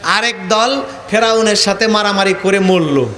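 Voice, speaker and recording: A man's voice: sits high, unhurried, pushed and bright, reverberant, soft background music. A man preaching a sermon in colloquial Bangladeshi Bengali, telling stories and mocking the people in them with acted dialogue. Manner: storytelling with acted dialogue and mockery.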